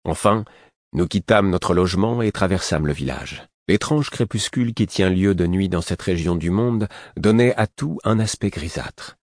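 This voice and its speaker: A man with a very low voice narrates a novel in a steady, composed way. The reading is close-miked and completely dry, like a studio audiobook. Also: normal speed, dry recording. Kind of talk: scripted narration.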